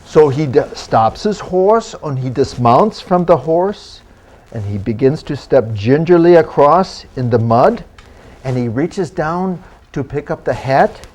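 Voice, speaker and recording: In an animated, slightly high and a little mellow voice, a historical reenactor plays a genial German immigrant country doctor of the 19th century, spinning stories for an audience in the first person. The mood is theatrical tale-telling, carried by deliberate, formal, old-fashioned phrasing.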